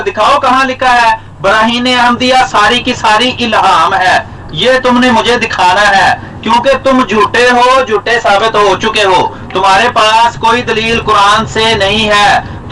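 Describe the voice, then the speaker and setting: A man with a high voice argues hard in a religious debate, heaping scorn and repeated curses on the other side. A faint hiss of noise sits under his recorded voice message. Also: pushed and bright, low-quality recording. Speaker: Ahmadi debater.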